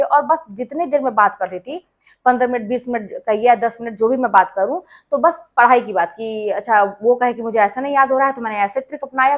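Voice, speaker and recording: A woman, a schoolteacher, gives study advice to exam aspirants in a casual, earnest and emphatic way, speaking straight to her listeners. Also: a little high.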